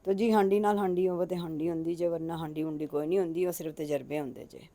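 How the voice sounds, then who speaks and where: A middle-aged woman with a Punjabi accent talks viewers through a home recipe in a casual cooking vlog. Her voice sits a little low and sounds mellow and warm. She chats in a folksy way and addresses her listeners politely. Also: steady tone, quick pace. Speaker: home cook.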